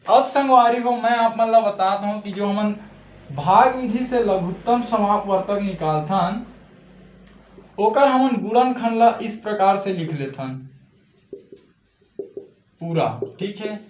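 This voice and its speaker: High-voiced Chhattisgarhi man teaching math. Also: slow, long pauses, darkish tone. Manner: patient, repeats "theek hai" often. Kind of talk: blackboard math lesson. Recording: echoey room, dull lo-fi sound.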